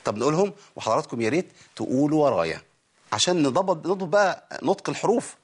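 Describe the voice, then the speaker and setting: A man's voice: fairly high pitch, animated, quick pace, slightly rough. A man with an Egyptian accent teaching a recitation lesson, asking his own questions and answering them, then sounding out letters for learners to repeat. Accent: Egyptian Arabic. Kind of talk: spoken Tajweed lesson.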